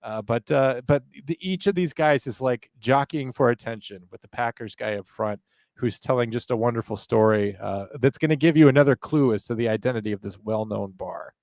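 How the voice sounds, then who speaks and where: A man's voice: mid-range voice, fairly quick, a little mellow. A man hosts a casual commentary in a mid-range voice. His delivery is explanatory with a sardonic edge, recorded very dry without room echo. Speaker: commentary show host.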